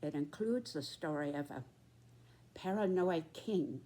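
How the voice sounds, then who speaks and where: A woman in her nineties giving a reflective, earnest address in short, halting phrases. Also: low voice, animated, warm tone. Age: 90s. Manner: very old person's slow, halting delivery in short phrases.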